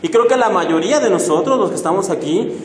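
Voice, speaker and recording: A man's voice: high voice, animated, fast talker, slight background noise. A man preaching a sermon as a pastor, acting out the voices of a crowd and a pleading beggar. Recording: echoey hall with long reverb.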